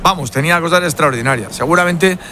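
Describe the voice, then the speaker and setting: Rambling former-player co-commentator. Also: male voice, on the high side, fast, sharp tone, slight background noise. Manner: rambling, searching for names, fond. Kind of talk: relaxed match analysis.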